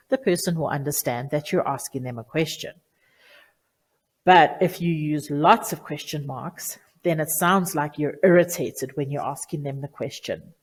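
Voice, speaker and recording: A woman teacher speaks to children in a low, steady register. Her delivery is clear and deliberate, and she leans on key words to drive each rule home. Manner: clear, deliberate instructive delivery with emphatic stresses. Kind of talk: lesson for children on online manners.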